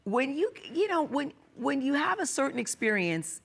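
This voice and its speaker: A woman's voice: sits high, sing-song, normal speed, creaky. A woman hosting an interview, musing aloud and searching for words as she asks questions. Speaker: host. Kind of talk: conversational interview.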